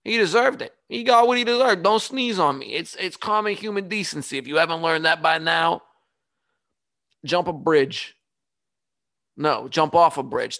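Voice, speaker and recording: A man hosting his own podcast, talking casually in an animated, ranting, self-mocking way. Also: fairly high pitch, creaky, dry recording. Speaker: podcast host. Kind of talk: casual solo monologue. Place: home studio.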